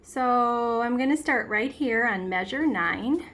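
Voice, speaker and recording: A woman's voice: fairly high pitch, expressive, slow. A woman giving a step-by-step piano lesson, patiently explaining and counting and half-singing the beats aloud. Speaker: piano teacher. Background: piano played along.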